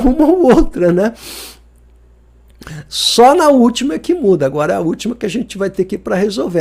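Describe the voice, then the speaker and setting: Male teacher, higher voice, jokey and lively, talks straight to the viewer. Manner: lively, joking, asks the viewer questions often. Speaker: Portuguese teacher. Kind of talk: exam-review lesson.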